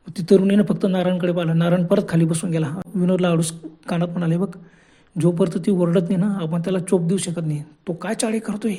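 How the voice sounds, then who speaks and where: Mellow man telling a ghost story. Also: high voice. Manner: unhurried, conversational retelling with repetitions. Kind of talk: horror story narration.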